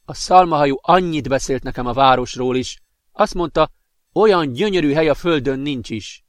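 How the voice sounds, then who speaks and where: A man's voice: on the high side, no room sound, clean studio sound, lightly acted. A man reading a thoughtful young blonde woman. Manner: thoughtful, quiet.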